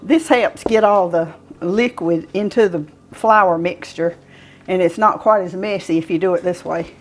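Her voice sits on the low side and never hurries: a woman in her sixties with a Southern US accent, hosting a home cooking show. Wearing a clip-on lapel mic, she gives a folksy, informal demonstration in her home kitchen, explaining step by step as she cooks.

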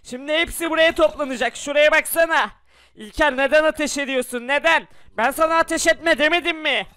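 A man voices a worried young survivor trapped in a house by zombies, using an extremely high, bright, forceful voice at a brisk pace. Anxious, he keeps scolding his friend and repeating the friend's name; there is no echo.

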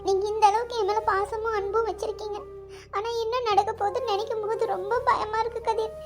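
Woman voicing Selvi, high-pitched anxious girl. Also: little pitch movement. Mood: tearful. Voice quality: very high girlish voice. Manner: fretful, pleading, quick to scold. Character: Selvi, shy anxious young village woman in love. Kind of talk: cartoon voice acting. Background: background music.

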